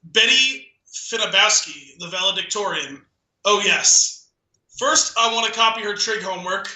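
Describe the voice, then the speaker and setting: This co-host's voice is high, bright and forceful, delivered at a moderate pace. He's in an amused mood, breaking into laughter as he reads a poem dramatically amid casual podcast talk, captured in a reverberant, low-quality recording.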